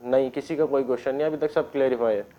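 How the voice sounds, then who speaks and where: A man teaching an online keyboard class, explaining step by step, often clearing his throat and checking that students follow. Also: mid-range voice, steady tone, quick pace, mellow. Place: indoors with keyboard and board.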